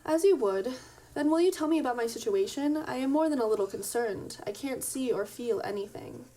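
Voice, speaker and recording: A bewildered man just woken from a long frozen sleep, asking halting, anxious questions, as a woman reads him aloud. He stays reasonable while he tries to understand. The voice sits fairly high. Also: lively intonation, warm tone, distant mic, lightly acted.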